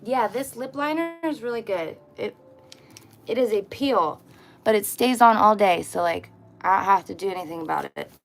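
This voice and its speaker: A woman's voice: mid-range voice, normal speed. A young adult woman rambling frankly in a casual vlog at home, full of fillers and frustration. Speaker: vlogger.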